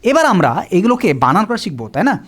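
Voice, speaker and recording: Patient whiteboard teacher, animated up-and-down delivery, self-answering questions. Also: mid-range voice, racing, breathy edge. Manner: asks questions and answers them, repeats "ঠিক আছে?". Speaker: Quran reading teacher. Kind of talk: whiteboard lesson, explaining step by step.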